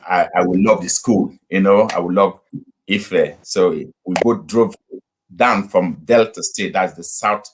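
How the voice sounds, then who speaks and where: Speaking as a guest in a relaxed interview, this Nigerian pastor in middle age recounts his experiences slowly via video call, often pausing on fillers and starting over. He has a deep voice with a steady tone. A bit of hiss or hum runs through the poor-quality audio.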